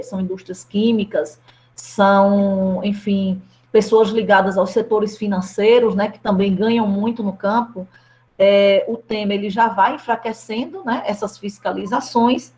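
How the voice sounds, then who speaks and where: A woman's voice: mid-range voice, low-quality recording. A woman from Brazil giving an academic presentation to a study group, hesitant, with many fillers and restarts.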